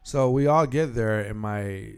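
Low-voiced American man chatting on a podcast. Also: unhurried, clean tone. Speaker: amateur podcast host. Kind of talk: casual chat.

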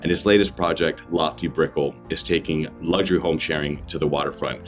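Deep-voiced, upbeat podcast host. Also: male voice, fairly even intonation, fairly quick, music in the background. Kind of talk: scripted intro, then interview questions.

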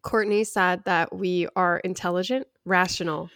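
A young adult woman with vocal fry, chatting casually as a podcast co-host in a wry, self-deprecating way. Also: lowish voice, fairly even intonation, moderate pace, fairly bright tone, no room sound, studio quality.

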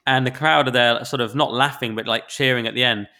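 A man co-hosting a podcast, chatting in a quick, mocking, sarcastic way. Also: medium pitch, fairly even intonation, pushed and bright. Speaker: podcast co-host. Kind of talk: casual political chat.

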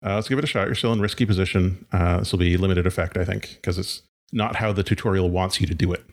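A man with a very deep, gravelly voice runs a tabletop role-playing game. He narrates in a halting, thinking-aloud way, full of fillers. His tone stays casual and friendly with the players. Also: steady tone. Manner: halting, with frequent fillers and laughs. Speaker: game master.

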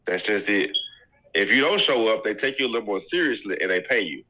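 A congested man talking sports on a podcast in a low, bright, forward voice. He is measured and sometimes pauses to find a word. The recording sounds dull and lo-fi. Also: animated. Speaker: podcast co-host. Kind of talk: casual sports debate.

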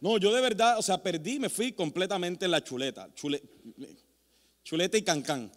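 A man preaching as a pastor, telling animated, self-mocking stories with many restarts. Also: sits high, moderate pace. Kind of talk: storytelling sermon. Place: church sanctuary. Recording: long hall reverb in a church.

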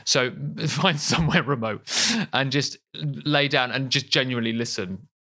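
A man talks in a loose, friendly podcast conversation. He jokes, throws in playful asides and laughs often. His voice sits at an everyday middle pitch. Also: measured pace, pushed and bright. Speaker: podcast host and guest. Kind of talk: casual chat.

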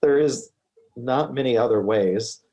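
A man's voice: medium pitch, measured pace, mellow. A man, a real estate agent, speaking as a guest in a casual interview, earnest and often repeating words as he works through his explanation.

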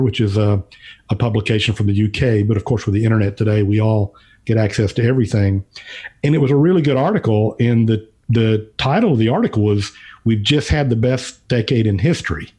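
A man giving unscripted podcast commentary, thinking aloud in a halting way with repeated words. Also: on the low side, dark tone. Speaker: podcast's featured financial commentator.

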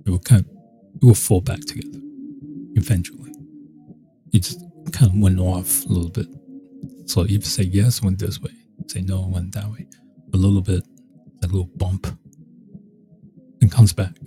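A man's voice: low-pitched, fairly even intonation, normal speed, long pauses, over music. A man hosting a casual solo podcast, rambling and meandering with many fillers and restarts. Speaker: podcast host.

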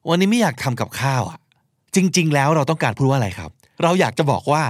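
A man's voice: on the high side, big pitch swings, fast talker, no echo, studio quality. A man hosting a podcast, teaching and explaining vocabulary, spelling out words and acting out short examples. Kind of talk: explanatory language lesson talk.

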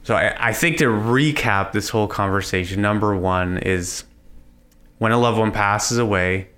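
A man's voice: on the low side, moderate pace, fairly bright tone, clean tone. A Canadian man hosting a podcast, explaining things in an informal, conversational way. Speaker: podcast host.

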